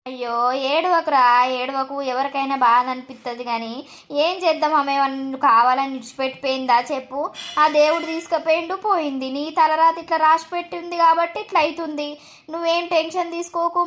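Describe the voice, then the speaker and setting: A woman plays a high-voiced village mother-in-law in a home-made cartoon, forever fussing over her family. She pleads, scolds and soothes in a rustic, sing-song way. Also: a bit bright. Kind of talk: animated village drama voice acting.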